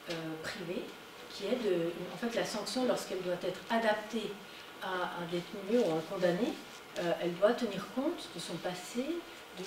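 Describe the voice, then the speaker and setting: A woman giving a conference talk, animated and emphatic on her key points. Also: on the high side. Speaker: conference speaker. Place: conference hall. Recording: echoey hall, distant mic, noisy.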